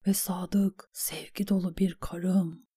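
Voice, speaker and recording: Feverish old knight guy, weak and hoarse, woman reader doing him, mellow dry audiobook voice. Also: fairly low pitch, flat delivery, slow pace, no echo, pitched above the performer's own voice. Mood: hushed realization. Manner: hoarse whispers turning to desperate shouts. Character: feverish weary aging male ex-smuggler knight. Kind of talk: audiobook character voice.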